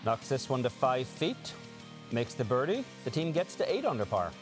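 A man giving golf commentary and analysis as a co-commentator, in a measured, analytical way. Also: medium pitch, big pitch swings, music in the background.

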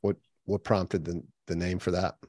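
A man interviewing someone casually, giving brief, low-key responses and questions. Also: little pitch movement, normal speed, darkish tone, no echo, clean studio sound.

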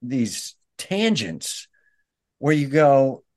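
A mid-pitched man hosts an easygoing conversation, asking questions and riffing along with his guest. His delivery is relaxed and conversational. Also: extremely slow. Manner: conversational, relaxed, joins in with jokes. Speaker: podcast host. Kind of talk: casual interview chat.

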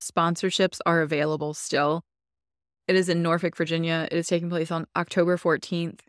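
A woman's voice: fairly low pitch, little pitch movement, normal speed, no echo, studio quality. Chatty, enthusiastic woman podcast host. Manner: chatty and enthusiastic, many likes. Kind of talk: casual chat.

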